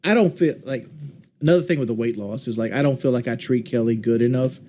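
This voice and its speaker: Halting man in his late thirties. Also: medium pitch, mellow, a little hiss or hum. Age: 30s. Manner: halting, candid rambling. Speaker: streamer. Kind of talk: casual voice chat.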